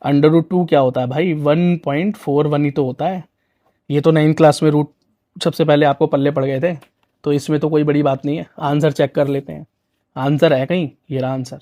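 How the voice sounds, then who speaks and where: A man's voice: fairly high pitch, steady tone, moderate pace, mellow. A young man, teaching physics for exam prep in a chatty, coaxing way full of rhetorical questions.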